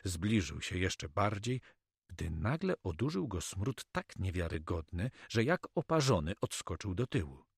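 A man narrating an adventure story as an audiobook reader, with steady storytelling delivery. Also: low voice, measured pace, gravelly, husky, no room sound, studio quality.

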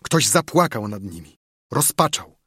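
A man narrating a story with expressive, storytelling delivery. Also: medium pitch, normal speed, slightly rough, no room sound, clean studio sound. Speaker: audiobook narrator. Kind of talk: scripted narration.

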